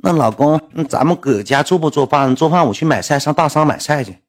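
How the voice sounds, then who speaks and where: A soft-spoken young wife pleads, voiced by a man. Her voice sits a little higher than the teller's usual tone. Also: expressive, a little fast. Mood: coaxing. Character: gentle coaxing young wife.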